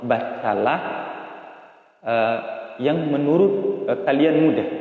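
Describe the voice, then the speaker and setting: A man's voice: mid-range voice, takes it slowly. A man teaching a religious lesson on Quran recitation, hesitating often with filler sounds and repeating phrases for emphasis. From Bima, Indonesia. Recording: echoey hall, tinny phone-like sound.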